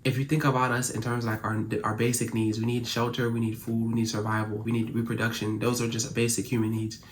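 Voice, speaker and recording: Young man, first language French, earnest casual talk, brisk pace, monotone. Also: medium pitch, slight background noise. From Cameroon. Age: young adult. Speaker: YouTuber. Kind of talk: reflective talk to camera.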